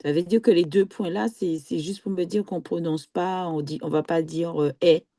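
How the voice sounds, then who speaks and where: Student in a lesson, hesitant, checks understanding, mellow tone, dry room. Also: medium pitch, steady tone, normal speed, no echo. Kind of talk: one-on-one reading lesson.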